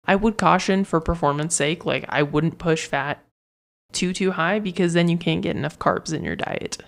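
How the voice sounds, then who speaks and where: Chatty woman fitness coach, low gravelly voice. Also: normal speed. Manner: chatty, rambling, many fillers and restarts. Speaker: fitness coach podcast host. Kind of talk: casual solo podcast talk.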